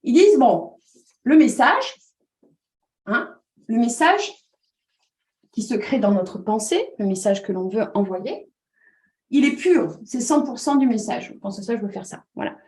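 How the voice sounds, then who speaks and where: A woman's voice: medium pitch, animated, normal speed, mellow. A woman, a communication trainer, giving an explanatory talk with frequent fillers and restarts, often checking in with her listeners. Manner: checks in with listeners with repeated 'd'accord?'.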